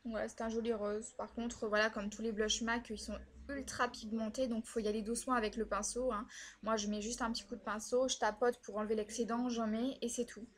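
A woman's voice: a little high, flat delivery, brisk. Chatty young woman reviewing makeup. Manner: chatty, many fillers and "voilà". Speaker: beauty vlogger. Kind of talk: casual product review.

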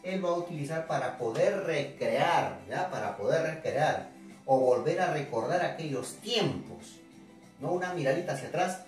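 A man's voice: a little high, lively intonation, moderate pace. A male teacher giving a chatty literature lesson to his students. He keeps asking rhetorical questions and teasing the class as he talks. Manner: chatty, constantly asks rhetorical questions with tag '¿no?'; addresses students directly, playful and teasing. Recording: very echoey room, distant mic, faint music.

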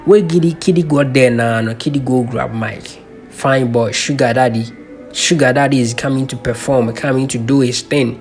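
A man's voice: mid-range voice, moderate pace, darkish tone, faint music behind. A man with a Ghanaian accent hosting a channel, giving a chatty commentary voice-over that mixes Pidgin into English. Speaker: channel host.

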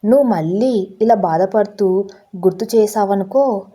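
A woman's voice: mid-range voice, measured pace, dark tone, husky. A woman reading as a consoling young son. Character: young adult son, impatient but consoling.

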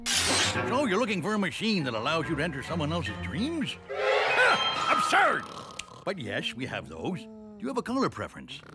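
A man's voice: high-pitched, wildly swooping pitch, moderate pace. A man voicing an eccentric, sinister animal inventor in a cartoon, eerie and theatrical, with mock-ominous delivery. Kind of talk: cartoon voice acting. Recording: loud music behind.

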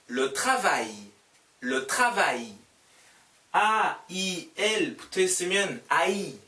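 A man's voice: fairly high pitch, fairly bright tone, reverberant, distant mic. A man teaching a beginner language lesson, patiently repeating each word several times. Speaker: French teacher.

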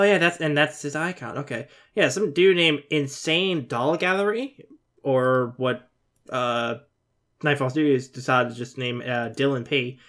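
Indoors in his bedroom, a twenty-something reaction video host gives loose, rambling commentary on the fly, informal and lightly profane. His voice is fairly high-pitched and a bit bright.

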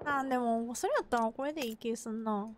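A woman with a Kansai Japanese accent and a fairly high voice talks quickly while live-streaming a game, with background noise audible. She chats casually, rambling to herself between remarks about the game.

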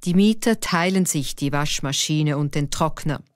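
A woman reading dialogue lines slowly and clearly for a language lesson, repeating each sentence. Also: low voice, dry recording, clean studio sound. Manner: careful, clearly articulated, each line said twice. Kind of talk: slow scripted dialogue reading. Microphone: dry studio voice-over.

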